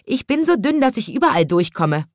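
A woman voicing a tiny, cheeky, thin young monkey in a children's storybook reading, in a high, pert voice. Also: very animated, brisk, no echo, clean studio sound.

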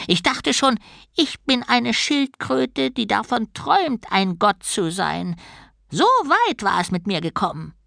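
A woman's voice: fairly high pitch, sing-song, slow, creaky, fairly bright tone, dry recording, clean studio sound, voice pushed up, full character voice. A woman voicing a grumpy male god trapped as a small tortoise, indignant and sarcastic, in an audiobook. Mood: sorrowful. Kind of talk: audiobook character voice.

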